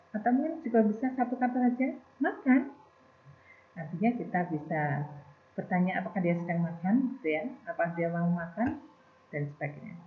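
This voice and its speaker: A woman teaching a grammar lesson, explaining step by step and trailing off softly at the ends of phrases. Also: on the low side. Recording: tinny phone-like recording.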